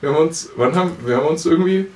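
A man's voice: a little high, rapid-fire, darkish tone. Guy late 20s joking around on a podcast, sounds a bit far off, echoey room. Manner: joking, teasing, loose. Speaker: podcast co-host, master's student. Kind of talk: casual chat. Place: study room, indoors.

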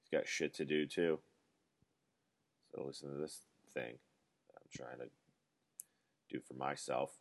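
A man's voice: extremely low pitch, steady tone, unhurried, vocal fry, pauses often. A man in his twenties rambling through a solo casual monologue, ranting and swearing freely as he talks. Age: 20s.

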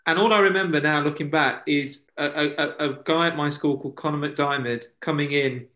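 A man's voice: fairly high pitch, steady tone, fairly quick, pushed and bright. A man, co-hosting a casual podcast chat and telling jokey, self-deprecating stories. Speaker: podcast co-host. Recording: echoey room.

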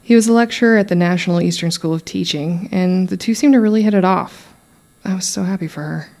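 A young woman playing a podcaster who recounts her murdered cousin's case, in measured, solemn, scripted true crime narration. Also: on the low side, darkish tone, lightly acted. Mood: reflective, somber.

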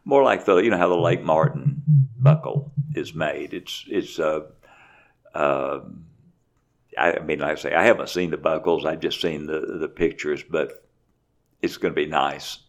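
A man being interviewed as a race director, speaking in a plain, unhurried, matter-of-fact way. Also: rumbling low, gravelly, highs cut off. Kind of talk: casual interview.

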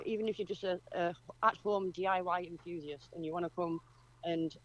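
A woman's voice: fairly low pitch, fairly even intonation, fairly quick, lo-fi sound. A woman from northeast England with a Durham accent, explaining things earnestly as a guest in a conversational radio interview. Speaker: community project representative, radio guest.

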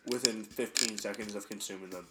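A young man with a fairly low voice that sounds nasal and congested, as if his nose is running. He talks as a podcast guest in loose, blunt, sweary banter with friends. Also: fairly even intonation, a little fast, noisy background. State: stuffed-up runny nose from a cold. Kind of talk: casual chat.

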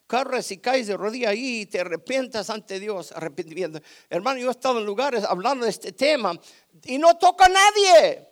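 A man preaching a sermon, calling the listeners brother and asking them if they understand, with sudden loud peaks and soft asides. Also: sits high, expressive, fairly quick, hardly any pauses. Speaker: pastor.

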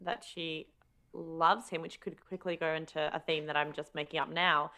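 A woman's voice: low-pitched, fairly even intonation, moderate pace, bright, forceful tone. Teasing Australian woman podcast host. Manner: playful, teasing questions. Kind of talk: casual podcast chat.

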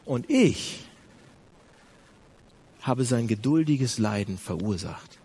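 A male preacher delivering a sermon in a husky, slightly rough voice. His pitch rises and falls in wide swings as he alternates loud urging with low, intense passages. He drives his points home by repeating phrases. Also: animated, takes it slowly.

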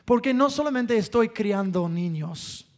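A man's voice: sits high, expressive, measured pace. A man preaching a sermon through family stories, emphatic, repeating phrases and chuckling between points.

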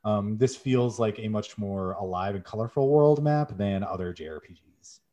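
Chatty man, low voice, podcast host. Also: moderate pace, mellow, dull audio. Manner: enthusiastic, many "um"s, summarizes plot. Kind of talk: casual podcast chat.

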